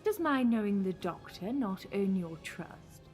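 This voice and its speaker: In an audio drama, a woman plays an imperious, scheming false goddess, commanding and condescending with slow, patronizing endearments and a silky scheming mood. Her natural, medium-pitched voice is animated with a darkish tone, and soft music plays in the background.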